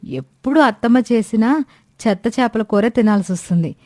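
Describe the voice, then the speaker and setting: A woman's voice: fairly high pitch, lively intonation, moderate pace, darkish tone, no echo, studio quality, natural voice. A woman voicing a carefree young daughter-in-law in a cartoon story, chatty and easygoing. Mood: musing.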